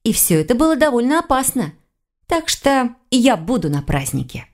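A woman reading an audiobook, voicing a bold young female investigator in a brighter, higher voice. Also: very animated, moderate pace. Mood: determined.

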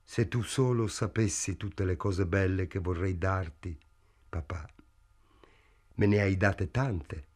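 A man voicing a gentle, loving young daughter in an audiobook, speaking softly and tenderly. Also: low-pitched, slow pace, pitched below the performer's own voice.

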